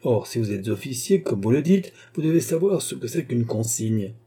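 A rule-bound palace lieutenant, polite but unbending, speaking in a stiff and formal way, as a male reader voices him. His tone is dark and husky, read like a classic storybook. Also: mid-range voice, lively intonation, normal speed. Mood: firm.

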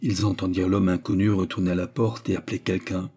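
A man reading a novel aloud in a steady, measured narration. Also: sits low, husky. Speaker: audiobook reader. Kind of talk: scripted narration.

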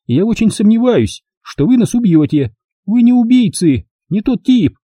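A prim, haughty elderly lady, calculating and used to giving orders, her voice raised well above a man's normal register, as the narrator puts her on. The timbre stays dark and husky, and the recording is dry, close to the mic, with no room echo. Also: sits high, very animated, moderate pace, voice pushed up. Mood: calm, assured. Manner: prim and commanding.

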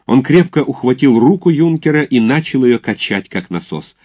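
A man narrating a literary audiobook in an expressive, theatrical manner. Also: mid-range voice, normal speed, dull audio.

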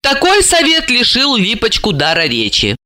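Animated woman narrating a comic story. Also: fairly high pitch, normal speed. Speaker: audiobook narrator.

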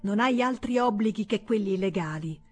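A woman's voice: medium pitch, moderate pace, slightly rough, natural voice. A woman doing a thundering, furious male senator. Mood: stern. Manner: commanding, thundering and threatening. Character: stern middle-aged male senator, furious older brother.

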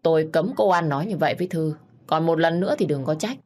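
A woman's voice: sits low, steady tone, brisk, natural voice. A woman voicing a stern, haughty older mother-in-law with a cold, scolding manner. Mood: angry scolding.

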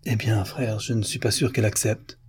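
A man voicing a gentle, warm-hearted elder brother in an audiobook, earnest and softly pressing. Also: fairly low pitch, level tone, normal speed, a little hiss or hum, natural voice. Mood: gentle, hushed. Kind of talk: audiobook character reading.

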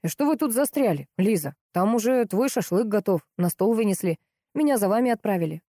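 A woman's voice: mid-range voice, lively intonation, fairly quick, mellow, no echo, clean studio sound, voice pushed up, close to an everyday voice. A woman voicing a strict, protective older brother who fires off demanding questions. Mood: stern.

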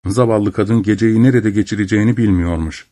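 A man narrating an audiobook in a steady, storytelling manner. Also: lowish voice, a little fast. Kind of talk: scripted narration.

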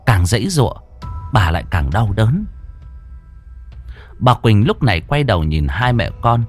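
Expressive male horror storyteller. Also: on the low side, unhurried, faint music behind. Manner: dramatic, expressive reading. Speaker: narrator.

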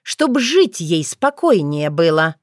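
A woman voicing a fearless, scornful old witch grandmother in a storybook reading, with loud, raised retorts. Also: fairly low pitch, sing-song, takes it slowly, dry recording, clean studio sound. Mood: defiant.

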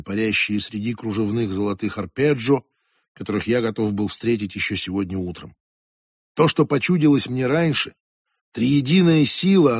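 Male audiobook narrator, husky, measured, dull dry recording. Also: mid-range voice, no echo.

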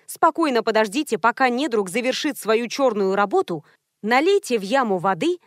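A woman reading a first-person audiobook in a lively, ironic storytelling manner. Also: fairly high pitch, normal speed, dry recording, studio quality. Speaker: audiobook narrator.

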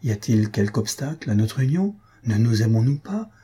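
A man's voice: medium pitch, big pitch swings, moderate pace, dark tone, breathy edge. A man reading an audiobook, voicing a passionate, desperate young count with an impassioned, pleading delivery.

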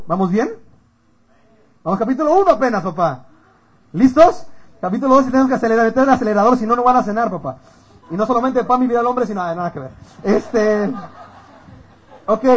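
Mexican man as youth preacher, husky and high-voiced, slangy, animated sermon. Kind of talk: energetic youth-camp sermon.

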